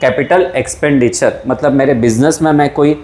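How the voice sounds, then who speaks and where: A man's voice: mid-range voice, brisk, a little mellow, roomy sound, a little hiss or hum. A man teaching a class, coaxing his students and answering his own questions again and again. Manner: calls students "beta". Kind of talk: classroom lecture.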